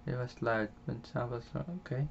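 A man's voice: mid-range voice, fairly even intonation, a little fast, gravelly, highs cut off, slight background noise. Rambling Dutch-accented young man gaming. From Netherlands. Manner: rambling, many fillers and restarts, chuckles often. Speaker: gaming channel host. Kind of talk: casual gameplay commentary. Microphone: home microphone.

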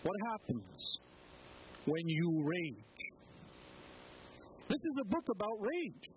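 A man giving an animated spoken-word talk at an open mic, with dramatic pauses and sudden jumps in pitch for emphasis. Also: slight background noise, low-quality recording.

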